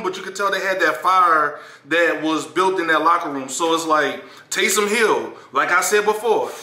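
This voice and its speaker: A man's voice: high-pitched, bright, forceful tone. Upbeat man with fillers, echoey room. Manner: hopeful, halting with many fillers. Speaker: show regular and guest. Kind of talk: casual sports reaction talk. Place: living room at home.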